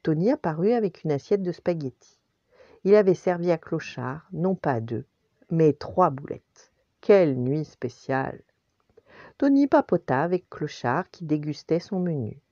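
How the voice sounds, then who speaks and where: An older woman, a storytelling grandmother, reads a bedtime tale in a gentle, expressive way. Her voice sits lowish but moves lively up and down. The home recording is dry and slightly muffled. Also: measured pace, no room sound.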